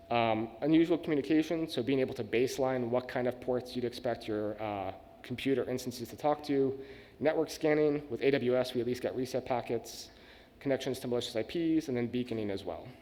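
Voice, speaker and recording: A man's voice: medium pitch, a little mellow. Casual man presenting in a reverberant hall. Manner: casual, quick, uses "like" and "sort of" often. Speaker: conference speaker. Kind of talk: technical talk and Q&A. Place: conference hall.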